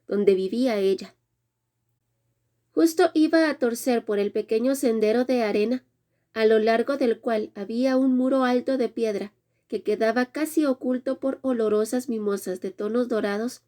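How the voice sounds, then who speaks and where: A woman narrating a romance audiobook in the first person with a measured, dramatic reading. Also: on the high side, mellow.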